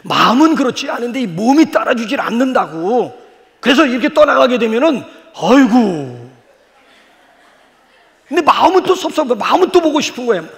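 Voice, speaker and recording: Older man, pastor, lively folksy sermon, high-pitched, long hall reverb. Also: normal speed, gravelly. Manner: animated, folksy storytelling with sudden exclamations.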